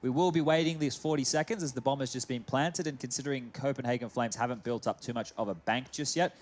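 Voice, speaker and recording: A man's voice: medium pitch, quick pace, a little hiss or hum. A man working as an esports caster, giving live play-by-play and analysis of a video game match.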